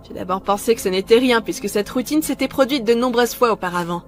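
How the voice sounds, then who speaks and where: A woman narrating a first-person horror story in a calm, measured way, scripted. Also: a little high, faint music behind.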